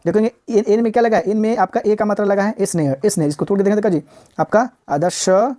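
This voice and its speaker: A woman's voice: mid-range voice, warm tone. A woman teaching a recorded vocabulary lesson, repeating each word and asking her students rhetorical questions as she sounds out the spelling. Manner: drills words by repeating them and asks rhetorical questions; slows down to spell and sound out words.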